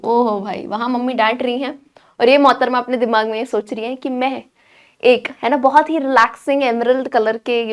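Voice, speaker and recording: High-voiced young woman teaching. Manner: explains patiently, keeps checking in with students. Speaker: English teacher. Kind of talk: Hinglish poetry lesson.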